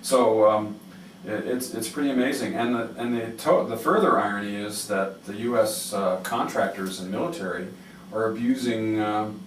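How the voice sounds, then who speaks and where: Guy hosting public radio, kinda rambling and hesitant, far from the mic with noise behind. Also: on the low side. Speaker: public radio interview host. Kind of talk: public radio host interviewing, unscripted. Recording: roomy, noisy, distant-mic radio interview.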